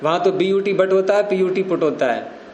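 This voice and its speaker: A man's voice: high-pitched, expressive, a little fast, darkish tone, lo-fi sound, a little hiss or hum. A man teaching Sanskrit grammar to a class, explaining rules and quizzing his students. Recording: roomy echo.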